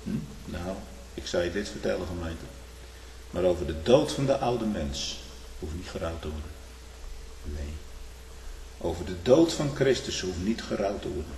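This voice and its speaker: A male pastor preaching a sermon, emphatic, swinging between loud and hushed, often tagging lines with "hm?". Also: low voice, lively intonation, moderate pace, creaky, pauses often, slight background noise. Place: church. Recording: echoey church hall.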